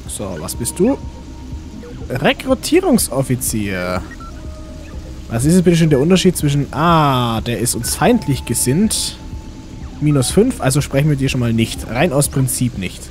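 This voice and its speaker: A man's voice: mid-range voice, big pitch swings, a little slow, a little mellow. A man giving casual game commentary, rambling to himself and to the game's characters. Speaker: let's play host. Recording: game music behind the voice.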